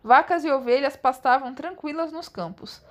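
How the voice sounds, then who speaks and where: A high-voiced woman reads a children's story aloud. Her narration is relaxed and playful, and she often slips into giggles. It sounds like a casual read-aloud among friends. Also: moderate pace. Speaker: reader of a children's book aloud.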